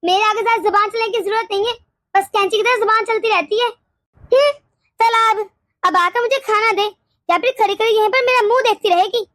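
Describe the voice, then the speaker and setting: A woman voicing a harsh, scolding older mother-in-law in an animated story, nagging and sharp-tongued. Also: extremely high pitch, a little fast, no room sound, studio quality.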